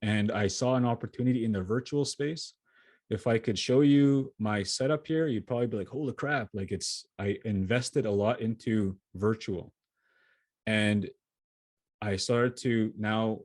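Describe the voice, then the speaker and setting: Man, keynote speaker, low voice, earnest, restarts sentences, home setup, video call. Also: normal speed, a little mellow, no room sound. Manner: earnest, often restarts and repeats words. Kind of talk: motivational talk answering questions.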